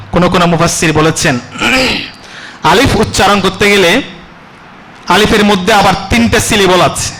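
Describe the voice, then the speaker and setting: A man preaching a sermon. He asks the congregation rhetorical questions and chants Arabic verses slowly. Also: sits high, sharp tone, a little hiss or hum, low-quality recording. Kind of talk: Bengali religious sermon (waz).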